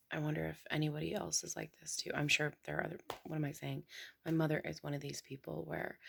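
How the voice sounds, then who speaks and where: A young woman talking quietly to her viewers at home in the early morning, half whispering and rambling with many fillers. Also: low-pitched, creaky, breathy edge. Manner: hushed, half whispering so as not to wake someone. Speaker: vlogger. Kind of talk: casual hushed chat to camera.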